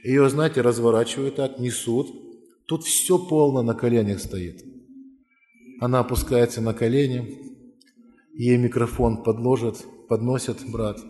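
In a church hall with long reverb and soft background music, a male preacher tells a conversion story in earnest, pleading tones, then calls listeners forward to pray in an altar call. His voice is medium-pitched and mellow, measured in pace, with fairly even intonation.

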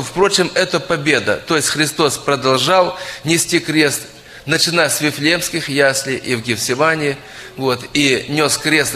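A man's voice: medium pitch, bright, forceful tone, a little hiss or hum. A middle-aged man preaching a sermon, earnestly addressing the congregation as friends. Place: church hall. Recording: long hall reverb.

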